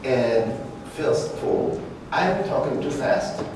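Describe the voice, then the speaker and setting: With a medium-pitched, expressive voice, a middle-aged man from Peru lectures as a guest from an art faculty at a conference, stumbling through English, reaching for words and correcting himself. A far-off camera with no mic records him inside a large brick-walled event room that is very echoey, with noise behind him.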